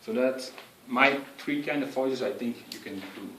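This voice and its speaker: Man, mid pitch, earnest instructive speaker, recorded from a distance in a roomy space. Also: a bit bright, slight background noise. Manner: earnest, instructive, halting phrasing. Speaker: speech giver. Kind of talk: prepared speech on public speaking. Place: room with an audience. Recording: echoey room, picked up from afar.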